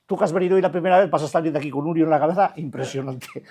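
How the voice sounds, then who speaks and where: Older man, Basque Spanish accent, recovery-group speaker, blunt and colloquial, a bit high-pitched. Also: racing, warm tone. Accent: Spanish, Basque Country. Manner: colloquial and blunt, many restarts and rhetorical questions. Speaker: addiction recovery counselor. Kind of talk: informal talk to a recovery group.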